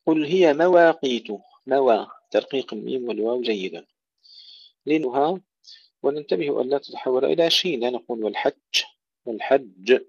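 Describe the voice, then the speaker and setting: A man teaching tajweed, slowly and precisely reciting Quranic words and repeating them to contrast correct and wrong pronunciation. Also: medium pitch, expressive, gravelly, darkish tone, dry recording, lo-fi sound. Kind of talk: tajweed lesson with recited examples. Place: home or small room, steps away to handle a phone.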